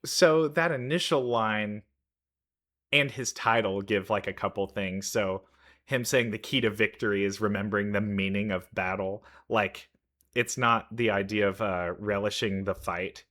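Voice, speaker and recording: Speaking a little slowly in a lowish, fairly bright voice, a reaction host offers casual commentary on a game trailer. He's enthusiastic and rambling, thinking aloud, with music in the background.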